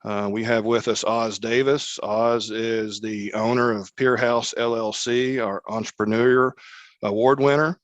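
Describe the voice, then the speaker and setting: A man moderating a business panel, speaking in a measured way with frequent filler words. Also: mid-range voice, flat delivery, no echo, dull audio.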